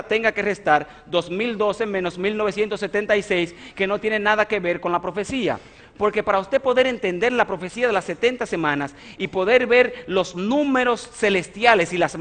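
Emphatic pastor in his thirties, high voice. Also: a bit bright, big-room sound. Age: 30s. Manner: emphatic, asks the congregation questions and answers them. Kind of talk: sermon. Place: large church hall with a stage and audience. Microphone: stage mic at a lectern, filmed by broadcast cameras.

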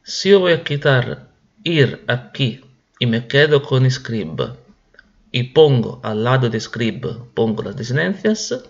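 A man teaching a grammar lesson at a very slow, careful pace, with a mid-range voice. He drills verb forms in repeated lists, his voice falling at the end of each list. The voice-over recording sounds slightly dull and muffled. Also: mid-range voice, lively intonation, creaky. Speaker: Spanish teacher.

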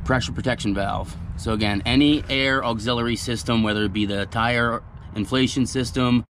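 Outdoors on a gravel lot by some trailers, a man gives a hands-on demonstration of a trailer repair, filmed on a body-worn camera. This truck repair technician's voice is medium-pitched, steady and a bit bright at normal speed; he's plain-spoken, full of fillers, with slight noise behind him.

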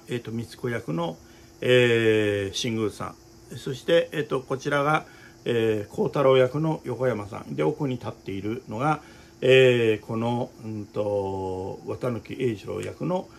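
Earnest rambling man, gravelly voice. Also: medium pitch, slight background noise. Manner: rambling, earnest, many fillers. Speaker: opera director and show host. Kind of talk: casual talk to viewers.

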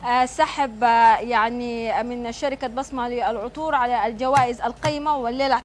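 Speaking fairly quickly in a steady, somewhat high voice, a woman with a Sudanese Arabic accent hosts a live TV show, standing in the studio as she reads messages and announces prize draw winners. Her manner is chatty and congratulatory, and there's a little hiss or hum on the recording.

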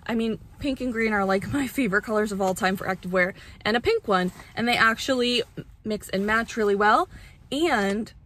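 A young woman vlogs casually while running errands, in her car and in and out of doors, chatting with plenty of "like" fillers and easy laughs. Her mid-range voice is fairly bright and moves at a moderate pace.

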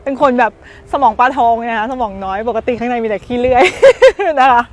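A woman's voice: a little high, fast talker. A woman presenting car accessories to viewers in a chatty, self-teasing way, talking to them directly. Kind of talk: casual product presentation.

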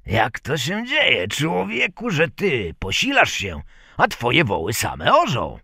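A haughty rich lord from a folk tale, voiced by a male reader barks his words loudly and with command. His voice is a little raised and husky, recorded dry and close. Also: mid-range voice, huge pitch swings, takes it slowly, dry recording, voice pushed up, heavily acted. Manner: loud and commanding.

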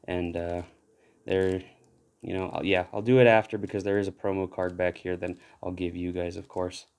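A man giving casual commentary while opening trading card packs, relaxed but breaking into excited exclamations at good pulls. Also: low voice, normal speed, smooth. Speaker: card pack opener.

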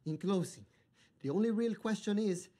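A sensitive, earnest dreamer. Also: male voice, high voice, normal speed, warm tone. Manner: easily hurt, earnest. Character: sensitive, earnest would-be entrepreneur. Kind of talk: sitcom acting.

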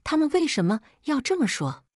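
Woman voicing a sharp-tongued young mother. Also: high voice, big pitch swings, fairly quick, dry recording, studio quality, pitched above the performer's own voice. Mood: sarcastic. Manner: sarcastic, cutting.

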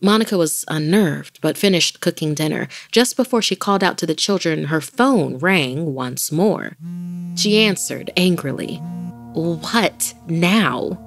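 Her voice sits low, with lively intonation and a moderate pace, as this woman host dramatically narrates a scripted horror story. She varies her pace to match the tension over a faint music bed.

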